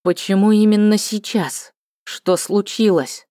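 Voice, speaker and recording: Woman reader as captive cat-folk queen mother, pitched up, anguished and fierce, dry close read. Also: fairly even intonation, measured pace, warm tone, no room sound, close to an everyday voice. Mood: distraught.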